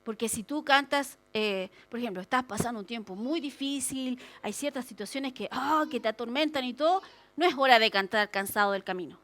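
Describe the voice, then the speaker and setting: A woman pastor preaching a lively sermon, acting out prayers and complaints with humorous asides. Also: a little high, a little fast.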